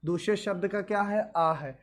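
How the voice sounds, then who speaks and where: A man's voice: sits high, normal speed. A male teacher explaining grammar rules step by step, asking questions aloud and answering them himself. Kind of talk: classroom grammar lesson.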